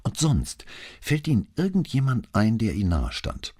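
A male reader voicing a patient, courteous middle-aged police detective who asks gentle, polite questions. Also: medium pitch, huge pitch swings, normal speed, husky, voice pushed up. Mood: gently probing.

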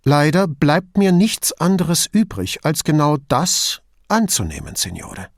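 Man reading stern female officer, firm and measured, slightly raised voice, dry. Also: on the high side, big pitch swings, vocal fry, no echo, pitched above the performer's own voice, exaggerated voice. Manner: stern, deliberate.

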